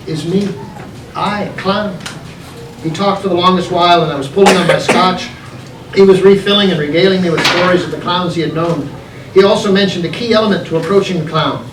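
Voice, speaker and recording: An author with a fairly high male voice reads his own book aloud for a live audience, theatrical and deliberate, leaning heavily on dramatic pauses. The mic sits far from him in an echoey room, and background noise is plainly audible.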